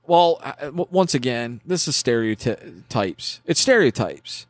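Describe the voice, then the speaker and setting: A man hosting a casual chat, animated and opinionated, quick to scoff at claims he thinks are wrong. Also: mid-range voice, dry recording. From West Virginia. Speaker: podcast host.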